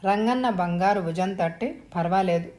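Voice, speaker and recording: A woman storyteller reading an audio story in a steady, even narration. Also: mid-range voice, moderate pace.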